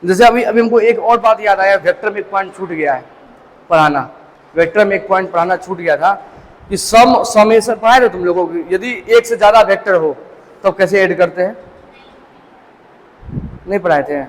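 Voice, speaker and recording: A physics teacher lecturing a live class, repeating key points and checking students follow. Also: male voice, sits high, moderate pace, pauses often. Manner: repetitive, drilling points home with check-ins. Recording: distant echoey classroom with faint hiss.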